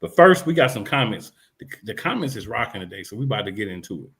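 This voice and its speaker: A man's voice: fairly low pitch, big pitch swings, fast talker, husky. A man hosting a casual sports podcast, laid-back and friendly as he reads viewer comments aloud. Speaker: podcast host reading comments.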